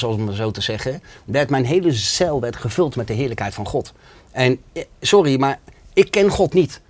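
A man giving an earnest, emotional personal testimony in an interview. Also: medium pitch. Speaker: interview guest.

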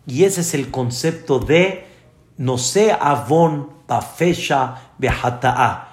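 A man giving a sermon as a rabbi, explaining slowly and speaking straight to his listeners. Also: mid-range voice, expressive. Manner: slow, explaining, addresses listeners directly. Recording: echoey room.

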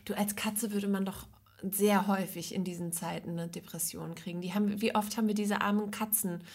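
A woman co-hosting a casual podcast, quick-witted and giggly as she plays along with jokes. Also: medium pitch, fairly even intonation, a little mellow. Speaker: podcast co-host. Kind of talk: casual comedic chat.

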